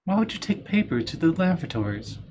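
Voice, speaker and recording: A man's voice: fairly high pitch, very animated, fairly quick, a little mellow, slight background noise. A man playing a tabletop game, casually improvising and narrating his character's actions. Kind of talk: casual improvised role-play.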